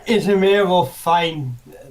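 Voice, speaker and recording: A man's voice: high voice, slow pace. A man playing a tabletop game, making wry teasing remarks. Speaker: player. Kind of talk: casual tabletop game play. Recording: distant from mic with faint hiss.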